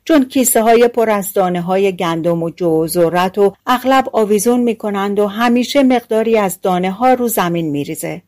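A woman voicing eager young sparrow chicks, a little higher and brighter than her narration. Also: few pauses, close to an everyday voice.

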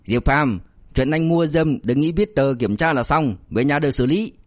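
A man voicing a police officer who barks orders in a put-on stern voice. The tone sits a little higher than usual and is clipped and commanding, recorded dry and close. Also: animated, normal speed, no room sound, natural voice. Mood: mock-stern. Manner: mock-stern, barking orders. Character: stern male police officer, teasing old roommate.

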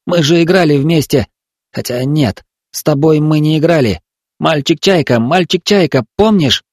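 A man's voice: on the high side, moderate pace, a little mellow, dry recording, studio quality, voice pushed up. A man voicing a terrified captive boy who begs for help in a frantic, pleading whisper. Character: terrified captive boy being fattened to be eaten.

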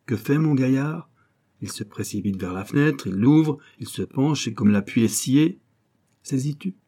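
A man's voice: mid-range voice, animated, a little slow, mellow, voice pushed up. A man reading an audiobook and voicing a sly old bailiff's clerk who coaxes and schemes in a knowing, sometimes stern way. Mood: reproachful.

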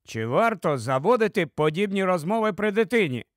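A worn-down husband, played by a man reading the audiobook, answers back in a tired, defensive tone. The voice sits high for a man, and the sound is dry and close. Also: sing-song, brisk, dry recording. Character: weary defensive henpecked husband.

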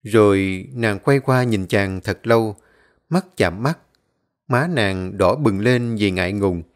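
A man reading a dramatic story aloud as a storyteller, in a measured, dramatic manner. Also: fairly low pitch. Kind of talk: scripted story narration.

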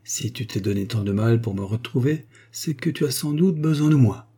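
A man's voice: mid-range voice, expressive, moderate pace, dark tone, breathy edge. A man doing a jovial scheming fixer. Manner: jovial, keeps saying "mon bon". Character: scheming male ex-notary clerk turned fixer. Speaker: character in an audiobook.

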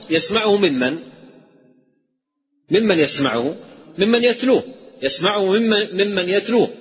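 A man teaching a creed text as a religious scholar, who explains by repeating key phrases and asking questions, then answering them. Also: on the high side. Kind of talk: classroom lecture on theology. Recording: dull recording in a hall with long reverb.

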